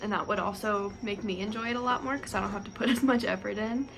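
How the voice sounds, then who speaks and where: In a home vlog, a young stay-at-home mom chats casually while doing her daily chores, with music playing beneath her voice. She speaks fast at a medium pitch with vocal fry, and the recording is rough.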